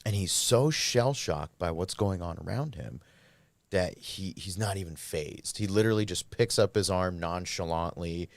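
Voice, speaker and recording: Deep-voiced man telling his recovery story. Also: normal speed, creaky, no room sound. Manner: candid, rambling storytelling with many fillers. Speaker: podcast guest.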